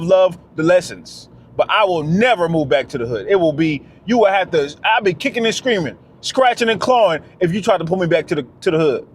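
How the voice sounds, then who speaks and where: A man talking straight to camera in a casual vlog, emphatic and slangy, repeating his phrases for weight. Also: high-pitched. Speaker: vlogger.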